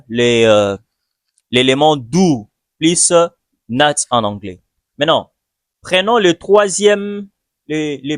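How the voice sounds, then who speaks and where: A man teaching English in a video lesson, speaking patiently and repeating each example slowly. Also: on the high side, dry recording. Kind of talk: video lesson, slow explanation.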